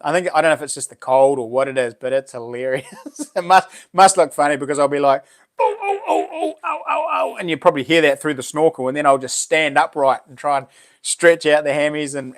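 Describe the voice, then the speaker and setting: A man in his late forties with a broad New Zealand accent, chatting casually to livestream viewers in laid-back, blokey slang. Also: mid-range voice. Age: late 40s. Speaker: livestream host. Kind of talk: casual live chat with viewers.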